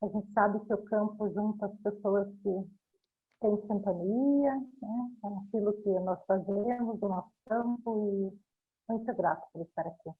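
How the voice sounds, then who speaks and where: A woman's voice: mid-range voice, unhurried, breathy edge. A woman introducing herself earnestly to a workshop group over a video call. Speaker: therapist, workshop participant. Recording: phone-like, thin audio.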